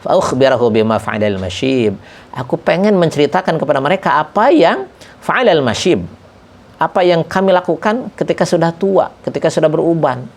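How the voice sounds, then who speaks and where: A man teaching a religious kitab study lesson, explaining step by step and reciting Arabic examples slowly. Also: on the high side, expressive, vocal fry.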